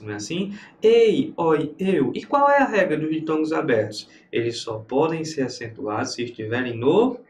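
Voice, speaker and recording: A man's voice: on the high side, echoey room, slight background noise. A Brazilian man teaching grammar for exam prep, who keeps answering his own students' questions. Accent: Brazilian Portuguese. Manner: lively, talks to himself as the student.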